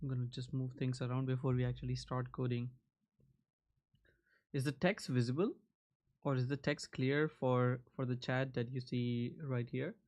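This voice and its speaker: A man's voice: mid-range voice, little pitch movement, moderate pace, a little mellow. A man hosting a live coding stream, chatting casually with his viewers. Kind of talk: casual livestream chat.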